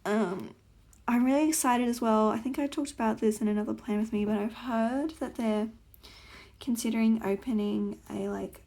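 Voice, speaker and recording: A woman's voice: on the high side, steady tone, normal speed, dark tone. A young woman chatting casually while planning, rambling with many fillers and sometimes dropping to a whisper. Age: young adult. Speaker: planner vlogger. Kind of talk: casual plan-with-me chat.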